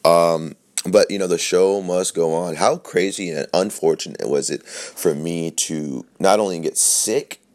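With a deep, darkish voice and an unhurried pace, a young podcast host talks casually on his own show. A sore throat makes him scratchy, and he rambles loosely and profanely, full of fillers and restarts.

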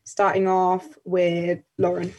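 An eighteen-year-old woman from England hosting and moderating a panel discussion in a brisk, upbeat way. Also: fairly low pitch, completely flat delivery, darkish tone, poor audio. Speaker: panel host.

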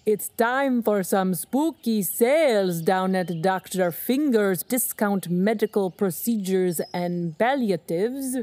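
A woman's voice: mid-range voice, animated, warm tone, dry recording. A woman playing a cackling, spooky saleswoman in a comedic audio-drama commercial. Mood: gleefully sinister. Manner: theatrical villain cackle, slow drawl. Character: cackling spooky woman hawking grim medical deals.

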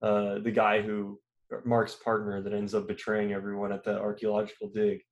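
A man's voice: on the low side, monotone, moderate pace, lo-fi sound. A man co-hosting a podcast, talking casually in long rambling turns with many fillers and restarts. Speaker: podcast co-host. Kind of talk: casual chat.

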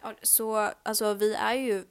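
Gravelly-voiced young woman chatting casually. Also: medium pitch, steady tone. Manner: rambling, many fillers, joking. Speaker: podcast host. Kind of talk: casual podcast chat.

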